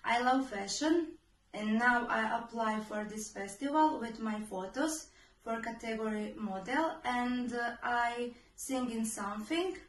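A woman's voice: on the high side, distant mic, a little hiss or hum. A woman in her twenties from Croatia with a Croatian accent, introducing herself in careful English and then singing solo. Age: 20s. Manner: slow, careful non-native English. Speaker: contestant singer. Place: small room indoors. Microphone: phone camera a few steps away. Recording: echoey room with backing music.

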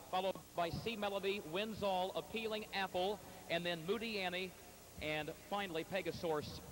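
A man announcing a harness race in live commentary over an outdoor track loudspeaker. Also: sits high. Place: outdoor fairground racetrack. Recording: echoey outdoor PA, noisy track ambience.

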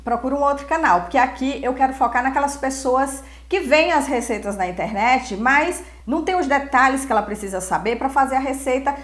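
A woman's voice: sits high, fairly quick, hardly any pauses. A woman in her forties hosting a cooking show in a home kitchen, teaching step by step in a patient, repetitive way.

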